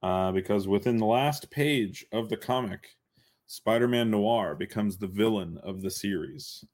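A man's voice: fairly low pitch, a little slow, a little mellow. A man co-hosting a casual podcast, talking in a laid-back, hesitant way with many fillers and dry humor. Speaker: podcast co-host covering comics. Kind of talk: casual chat.

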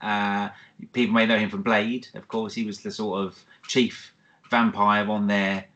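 A man's voice: on the low side, little pitch movement, measured pace, a bit bright, dull audio. A man co-hosting a podcast, chatting casually and asking listeners to bear with him as he makes his points. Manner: chatty, "bear with me" aside-giver. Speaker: podcast co-host. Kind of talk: casual chat.

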